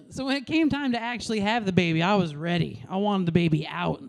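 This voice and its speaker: A woman in her late thirties doing a stand-up comedy set on a club stage, brash and crude, with deadpan asides to the crowd. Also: medium pitch, fairly quick, vocal fry. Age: late 30s.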